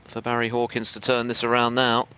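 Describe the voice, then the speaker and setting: A man giving live snooker commentary in a measured, analytical manner. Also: mid-range voice, monotone, bright, forceful tone, slight background noise.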